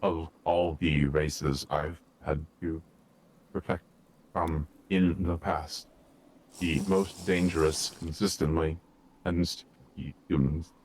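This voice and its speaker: A man's voice: rumbling low, fairly even intonation, takes it slowly, a little mellow, slight background noise. A man voicing a solemn male guardian creature in stiff, formal speech, his audio choppy with word endings cutting out. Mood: grave. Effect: choppy audio, words cutting out at the ends. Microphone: close to a headset or desk mic.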